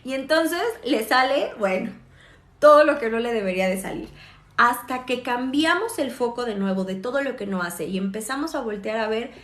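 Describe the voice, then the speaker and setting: Woman therapist, high voice, echoey room. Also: lively intonation, fairly quick, fairly bright tone. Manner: earnest, explanatory, with self-corrections. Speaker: therapist and mother. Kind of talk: live-stream parenting talk. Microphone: phone.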